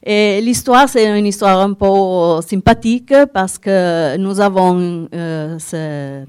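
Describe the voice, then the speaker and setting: Halting woman with an Italian accent. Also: medium pitch, a little mellow, clean tone, dry recording, clean studio sound. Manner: halting, searching for words in non-native French. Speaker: winegrowers' association representative giving a talk. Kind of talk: conference presentation.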